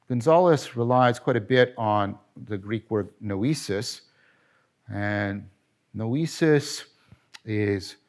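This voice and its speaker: Emphatic man lecturing on philosophy. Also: lowish voice. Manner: animated, emphatic, frequent self-corrections and rhetorical questions.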